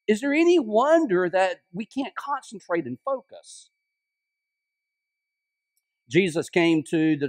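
Conversational pastor preaching. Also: male voice, on the high side, no echo. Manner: conversational preaching with restarts and drops to a soft voice on quotes. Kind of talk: sermon. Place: church sanctuary.

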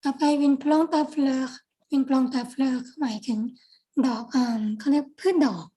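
Soft-toned Thai woman teaching French. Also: sits high, fairly even intonation. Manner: slow, patient, repeats words. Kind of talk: vocabulary lesson.

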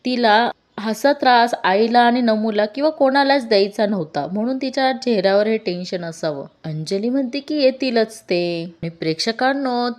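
A woman's voice: a little high, moderate pace. Chatty woman recapping a TV serial. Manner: chatty, keeps addressing the viewers. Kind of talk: casual episode recap.

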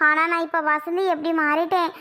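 A woman plays a melodramatic sister-in-law from a village skit, who wails and pleads with fake tears. The voice sits very high and sounds bright and sharp, and every protest comes out whiny. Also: flat delivery, a little fast. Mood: pleading. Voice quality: whiny, pleading, tearful wail.

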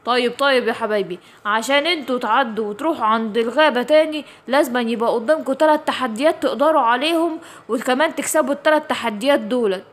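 A knowing male superhero guide speaks in a children's storybook, calm and a little patronizing. He has an Egyptian accent and talks quickly, in a voice pitched below the natural one of the woman playing him. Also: lightly acted. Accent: Egyptian Arabic.

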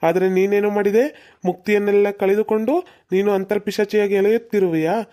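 A performer voicing a stern old male exorcist in a cartoon, speaking in slow formal commands. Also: mid-range voice, fairly even intonation, warm tone, clean tone, natural voice. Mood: commanding.

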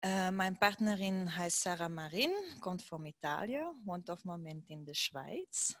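A woman's voice: on the low side, animated, measured pace, no echo. A woman from Belgium introducing herself as a dance artist, slightly phrasing. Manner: plain, slightly non-native phrasing. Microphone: handheld mic.

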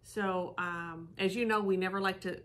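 Middle aged lady with a slightly low voice, chatting casually, stops and starts looking for words. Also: fairly even intonation, a bit bright. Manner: halting, searching for words. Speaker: psychic co-host of a reaction show. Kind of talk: casual commentary, thinking aloud. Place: living room with fireplace, indoors.

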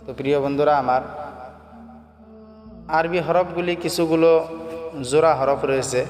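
A man's voice: fairly high pitch, normal speed. A man teaching a lesson on reading Arabic letters, speaking patiently and repeating each sound and correction. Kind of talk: slow spoken lesson. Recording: echoey room with long reverb.

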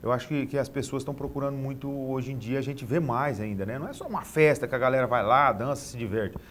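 A man's voice: medium pitch, quick pace, fairly bright tone, slight background noise. A middle-aged Brazilian man speaking casually as an interview guest, often repeating small words as he looks for the next phrase. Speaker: rodeo announcer being interviewed. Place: TV studio, standing.

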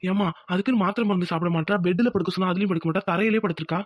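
A man's voice: high voice, rapid-fire, no echo, clean studio sound. A man voicing a worried young village husband in a cartoon who keeps asking questions and pressing for answers. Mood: exasperated. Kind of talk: cartoon voice acting.

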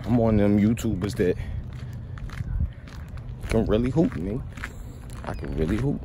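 On a sunny day outdoors, a young man with a slight cold rambles easily through a walking vlog, his phone held low at arm's length. He speaks a little slowly in a fairly low voice with lively intonation, saying "you feel me" again and again. Street noise and passing traffic are audible.

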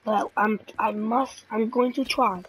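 A young woman giving jumpy gameplay commentary, often dropping to hushed whispers and then bursting out with gasps. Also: on the high side, fairly even intonation, measured pace, a little hiss or hum, poor audio. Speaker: gaming video creator.

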